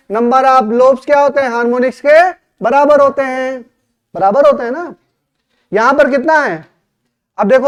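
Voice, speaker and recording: A man's voice: very high voice, clear, resonant tone, muffled recording. A male physics teacher, lecturing a class and answering his own questions as he goes.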